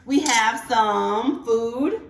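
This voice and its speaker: A woman hosting an educational kids' demonstration, talking in an excited, encouraging way to a young child, with exclamations. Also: fairly high pitch, very slow, vocal fry. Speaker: host of a family kids' science show. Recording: echoey room.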